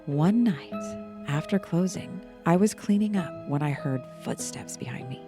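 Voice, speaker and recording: A woman voicing a spooked male bartender, reading his ghost story aloud in a hushed, quiet spooky voice. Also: a little high, animated, unhurried, over music.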